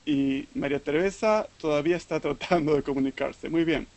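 A man's voice: fairly high pitch, fairly quick, darkish tone. A man from Argentina with an Argentine Spanish accent, teaching an online group lesson and patiently repeating words for learners.

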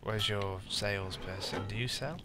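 A man's voice: on the low side, normal speed, background noise. A British man giving casual gameplay commentary with dry, muttered asides. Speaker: gamer, let's play host. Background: game music.

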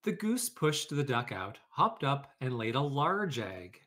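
A man's voice: medium pitch, big pitch swings, unhurried, pushed and bright. A man hosting a read-aloud for children, talking informally and explaining things, or reading a storybook. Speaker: educator, read-aloud host.

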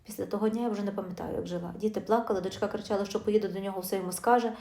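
A middle-aged woman narrating a first-person life story in a brisk, emotional, confiding way. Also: mid-range voice, steady tone, gravelly, mellow. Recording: roomy echo.

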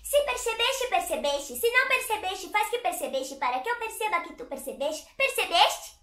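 A woman voicing a small cheerful cartoon girl in a squeaky childlike dubbing voice. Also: big pitch swings, normal speed, sharp tone, roomy sound, heavily acted. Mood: playful.

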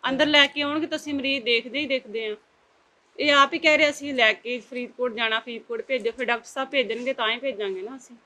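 A Punjabi woman from the hospital staff answers a reporter's questions defensively. Her voice is high and bright, and she turns aside every charge. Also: fairly even intonation, quick pace. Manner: defensive, denying.

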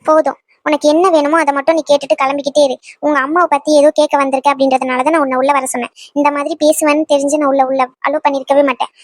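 A woman voicing a firm, fast-talking young woman. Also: high-pitched, flat delivery, dry recording, close to an everyday voice. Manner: firm, scolding. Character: young woman turning away her pushy ex. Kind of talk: cartoon dub voice acting.

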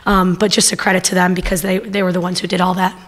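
At a postgame presser, a middle-aged woman head coach talks earnestly at a quick pace, her pitch fairly low. She stays steady while leaning on many fillers. The table mic picks up long reverb from the press room.

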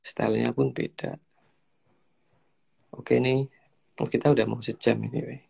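A young man, hosting a casual interview in a relaxed, joking way. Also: medium pitch, unhurried, creaky, breathy edge. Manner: relaxed, joking, slips into Javanese slang. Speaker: host.

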